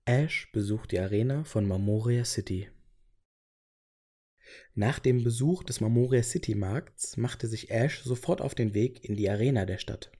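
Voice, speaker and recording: Husky, mellow male storyteller. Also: medium pitch, moderate pace. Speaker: narrator. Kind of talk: reading a story aloud.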